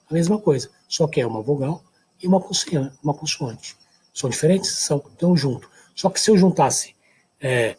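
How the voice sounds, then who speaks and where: A man's voice: mid-range voice, darkish tone, a little hiss or hum. A man from São Paulo, with a São Paulo accent, giving a recorded university lecture and checking in often with short tag questions. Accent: Brazilian Portuguese, São Paulo. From São Paulo, Brazil. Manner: explanatory, checks in often with "tá certo?" and "né?".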